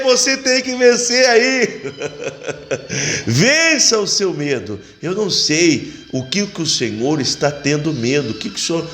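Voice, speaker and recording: Lively exhorting pastor. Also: male voice, fairly high pitch. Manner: exhorting, repeats phrases, reads scripture aloud. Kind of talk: sermon.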